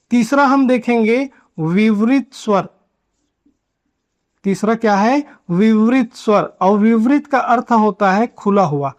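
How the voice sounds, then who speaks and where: A man teaching a grammar lesson at a board, asking questions and answering them himself, and drawing out key terms slowly. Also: extremely high pitch. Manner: asks and answers his own questions. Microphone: writing on a board while teaching.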